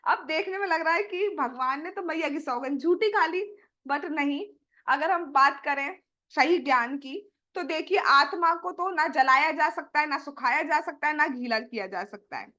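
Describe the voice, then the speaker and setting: A woman telling a devotional story in a sermon, chanting verses slowly and then explaining them. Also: high voice, bright, forceful tone.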